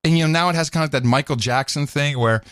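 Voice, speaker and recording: A man's voice: fairly high pitch, fast, smooth, no room sound, clean studio sound. A man co-hosting a podcast, giving casual, sarcastic political commentary with sudden leaps into mocking voices. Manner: animated, sarcastic, jumps into mock voices. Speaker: podcast co-host.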